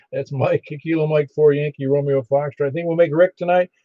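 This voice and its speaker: A man working as a ham radio net controller, halting and easygoing as he takes an informal roll call. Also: a little high, fairly even intonation, no echo. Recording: dull band-limited ham radio audio.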